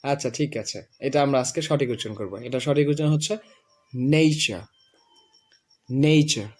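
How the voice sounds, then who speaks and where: A man with a Bengali accent teaching English pronunciation, drilling words slowly and repeating them for a student. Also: medium pitch, darkish tone. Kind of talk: classroom lesson.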